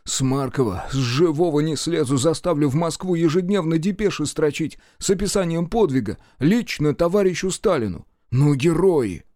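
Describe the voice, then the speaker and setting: A man voicing a sly, fussy, short army quartermaster who talks in an excitable, wheedling way. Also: fairly high pitch, moderate pace, few pauses, no room sound, clean studio sound, voice pushed up, lightly acted.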